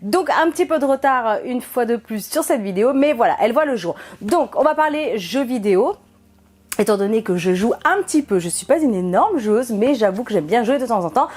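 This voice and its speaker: A woman's voice: on the high side, animated, fairly quick, darkish tone, breathy edge. A young woman hosting her own gaming vlog, chatting enthusiastically and giggling often. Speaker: gaming vlogger. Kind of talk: casual vlog chat.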